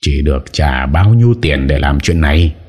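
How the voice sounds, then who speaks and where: A stern young husband, read by a male narrator, voice extremely low. He interrogates forcefully, demanding answers. An audiobook character voice close to the reader's own. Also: expressive, moderate pace, breathy edge, exaggerated voice. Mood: interrogating. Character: angry young husband, commanding and grief-stricken.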